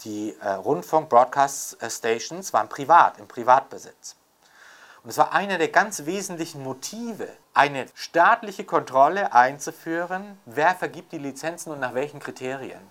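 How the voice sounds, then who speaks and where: Speaking unscripted in an intellectual interview, an older man who is an author and scholar sounds reflective and emphatic, with frequent rhetorical tags. His voice is on the high side, expressive and fairly bright, at normal speed.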